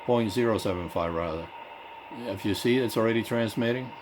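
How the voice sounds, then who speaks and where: Low-voiced man, non-native English, noisy workshop. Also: fairly quick. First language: not English. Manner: enthusiastic about technical detail, explanatory. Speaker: radio technician demonstrating repeater equipment. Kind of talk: informal hands-on technical walkthrough. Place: indoor home electronics workshop. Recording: clear background noise, workshop ambience.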